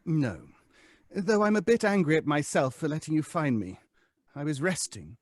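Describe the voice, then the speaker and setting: An actor playing a haughty, weary centuries-old ghost in an old-time radio drama, with pompous, theatrical phrasing. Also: male voice, on the high side, big pitch swings, moderate pace, dry recording, clean studio sound. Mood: indignant, haughty. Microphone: close studio microphone.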